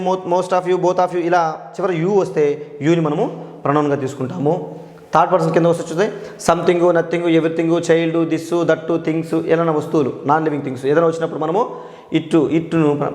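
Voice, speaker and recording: A man with a slightly high voice teaches grammar. He says each term slowly and often stops to ask the class a question. The room around him is echoey, with a long hall-like tail. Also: a little mellow. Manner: repeats key words slowly, asks the class questions. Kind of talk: grammar lesson.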